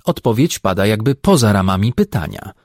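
A man's voice: on the low side, very animated, fairly quick, a little mellow, no echo, clean studio sound. A man voicing a pompous, overeducated academic who talks in long-winded jargon.

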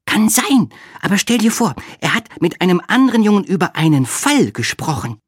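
Guy putting on a sweet nosy kiosk lady for a kids' audiobook, high cooing voice, dry sound. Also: sing-song, normal speed, slightly rough, no echo, exaggerated voice. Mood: fond, chatty. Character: friendly nosy kiosk woman, motherly.

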